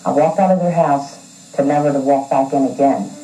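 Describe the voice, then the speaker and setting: A woman in her forties telling her own story in an interview, earnest and halting, with a distant echoey sound from an old TV broadcast. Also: rumbling low, steady tone. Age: 40s. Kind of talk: emotional personal account.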